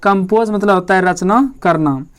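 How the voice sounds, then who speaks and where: A man teaching an exam-prep lesson in Hindi. He repeats each point, asks his own questions and answers them, and reads the English lines slowly, word by word. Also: high-pitched, clean tone.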